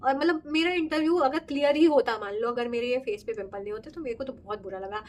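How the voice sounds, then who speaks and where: A young woman from India tells her story to the camera in a chatty, expressive way, slipping English phrases into her talk. Her throat is sore, and her voice sits a bit high. A faint hiss of noise runs underneath. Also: fast talker. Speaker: vlogger. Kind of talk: casual storytelling vlog.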